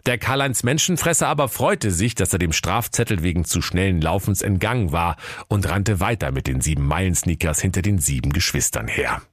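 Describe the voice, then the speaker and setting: Male narrator, playful, fairy-tale, low voice, very dry sound. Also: lively intonation, brisk, no room sound. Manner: playful, storytelling to children.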